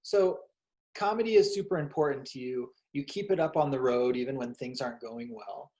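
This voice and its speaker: A man's voice: mid-range voice, a little fast, warm tone. A man hosting a casual show who chats with his guest and thanks him in an upbeat, encouraging way. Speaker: show host. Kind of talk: casual interview chat.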